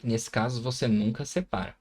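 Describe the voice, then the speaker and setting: A man's voice: mid-range voice, moderate pace, a little mellow. A man with a Brazilian Portuguese accent teaching a recorded grammar lesson, patiently sounding out syllables and often checking in with the viewer.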